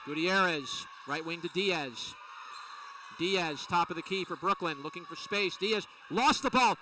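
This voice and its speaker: A man calling a college women's basketball game play by play, with rapid, excited calls of each play. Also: high voice. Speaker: play-by-play announcer. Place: college gym. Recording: distant mic with faint gym noise.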